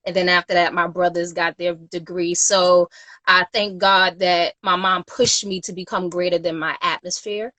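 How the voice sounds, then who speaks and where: A woman's voice: lowish voice, level tone, normal speed, sharp tone, no room sound. A woman from Queens, a guest on a casual livestream interview, talking earnestly with many "you know"s. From Queens, New York. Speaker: guest, youth nonprofit founder.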